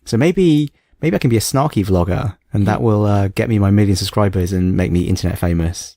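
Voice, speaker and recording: A man's voice: on the low side, a little fast, mellow, dry recording, studio quality. A young man co-hosting a podcast in casual chat, playful and self-mocking with a snarky streak. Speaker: podcast co-host.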